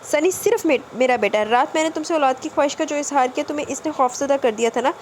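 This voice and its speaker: A woman reads the part of a young husband in a storybook narration, his lines delivered in a high voice. He speaks softly and tenderly, then turns harsh and accusing. There is a faint hiss behind the reading. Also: natural voice. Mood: furious. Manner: soft and tender, turning to harsh shouting.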